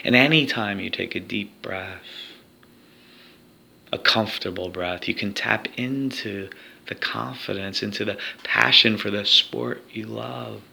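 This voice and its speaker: A man's voice: on the low side, measured pace, gravelly, bright, forceful tone, slight background noise. A man leading a guided hypnosis recording for athletes, speaking in a soothing, repetitive hypnotic way.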